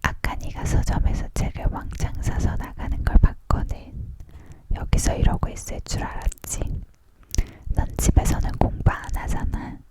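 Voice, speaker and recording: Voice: normal speed, close to an everyday voice. A reader voicing a proud, chatty, furry big-pawed creature in a storybook, as whispered role-play, leaning in close. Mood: chatty, familiar.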